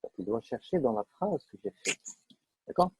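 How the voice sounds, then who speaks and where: A man's voice: mid-range voice, sing-song, moderate pace, slight background noise. A man teaching a live online programming class, explaining step by step with frequent fillers and checks that students follow. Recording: dull lo-fi online class audio.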